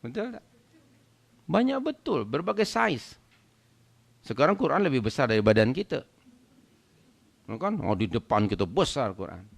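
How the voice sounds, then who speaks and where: Animated male preacher, lively rising voice. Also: medium pitch, normal speed, gravelly, long pauses. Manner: animated, rhetorical questions to listeners, swelling to loud emphatic points; mixes in English words. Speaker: religious teacher. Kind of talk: religious lecture to a congregation.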